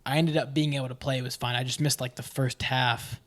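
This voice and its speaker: A young man on a laid-back podcast rambles through a story from his school days. He stumbles, backs up and starts his sentences over, and he speaks at an even, middling pitch. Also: fairly quick. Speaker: podcast co-host. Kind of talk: casual chat.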